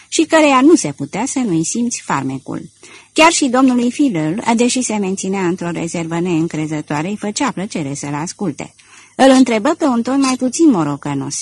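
A woman narrating an audiobook in a measured storytelling manner. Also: mid-range voice, slightly rough. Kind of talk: scripted narration.

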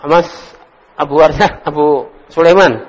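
Calling students by name and drilling Arabic words, a man teaches casually in a husky, fairly high voice that's a little slow. He chuckles now and then; the audio is dull and the hall is echoey.

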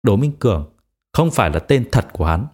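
A man narrating an audiobook in a steady, dramatic storytelling manner. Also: on the low side, brisk.

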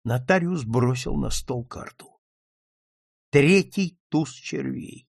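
A man's voice: mid-range voice, expressive, takes it slowly, vocal fry, dry recording. Male audiobook narrator, dramatic and dry. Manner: dramatic reading. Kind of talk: scripted narration.

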